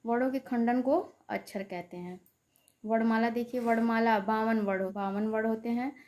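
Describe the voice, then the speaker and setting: A woman's voice: fairly high pitch, fairly even intonation, normal speed, a little mellow. A woman teaching a grammar lesson for exam students, explaining step by step, repeating terms and drawing out vowel sounds. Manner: asks rhetorical questions to the class.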